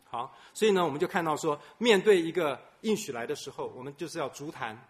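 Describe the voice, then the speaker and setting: A man preaching a sermon, swinging between loud, emphatic bursts and soft, low asides, and repeating phrases for emphasis. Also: fast.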